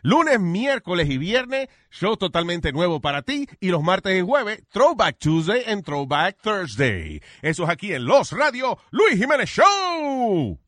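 Radio host man, high lively voice, upbeat promo read. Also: unhurried, slight background noise.

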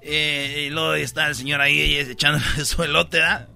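A Mexican man telling jokes to his friends, his voice pitched high and very bright. He hams up stuttering characters as he goes and breaks into laughs, with faint music playing behind him. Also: steady tone, moderate pace, creaky, smooth. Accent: Mexican Spanish. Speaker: joke teller. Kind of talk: casual joke telling among friends.

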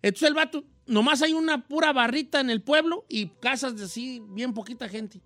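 Don Cheto: a man doing a high folksy old Mexican host. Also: moderate pace, fairly bright tone, dry recording. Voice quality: high, slangy and rambling. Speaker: radio host. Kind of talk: casual radio chat, film recommendations.

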